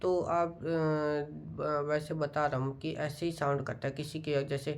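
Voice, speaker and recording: A man talking casually to viewers in a study vlog, explaining things in an unhurried, musing way. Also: a little high, little pitch movement. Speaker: student vlogger.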